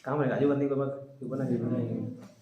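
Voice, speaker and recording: A man's voice: mid-range voice, steady tone, fast talker, dark tone, slight background noise. A young man giving a casual classroom lecture, telling history as a chatty story and joking with his students. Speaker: teacher. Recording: echoey room.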